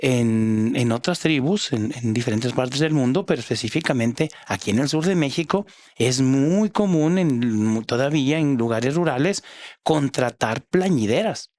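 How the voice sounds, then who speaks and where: A man's voice: medium pitch, animated, moderate pace, a little mellow, dry recording. Mexican guy psychologist, explains with lots of restarts, dry close sound. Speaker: psychologist guest. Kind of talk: casual podcast chat.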